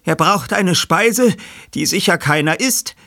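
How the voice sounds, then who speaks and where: Ein Mann spielt einen selbstsicheren jungen Detektiv. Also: male voice, high-pitched, animated, a little slow, bright, forceful tone, no room sound, studio quality, pitched above the performer's own voice, exaggerated voice. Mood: confident. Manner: cocky, assured. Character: confident young male detective with a cane.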